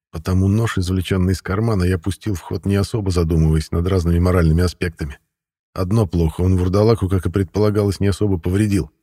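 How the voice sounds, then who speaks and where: Man, audiobook narration, dry, sardonic, dark mellow voice, husky. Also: low-pitched. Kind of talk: first-person audiobook narration.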